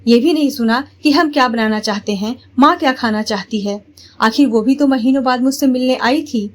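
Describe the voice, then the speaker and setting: A woman tells a first-person family story in a steady, plain way. Her voice sits high. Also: moderate pace.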